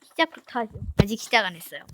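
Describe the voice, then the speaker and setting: A woman's voice: medium pitch, sharp tone, a little hiss or hum. A woman playing through a parkour map, chatting playfully to herself and her viewers as she goes. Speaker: game streamer. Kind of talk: casual Minecraft parkour playthrough commentary.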